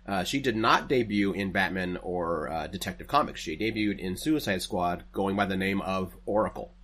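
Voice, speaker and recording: A man's voice: low voice, normal speed, a bit bright. A man hosting a podcast from home, reading sponsor spots in a rambling, self-correcting way with nerdy asides. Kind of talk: casual chat with sponsor reads. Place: home setup, recording remotely.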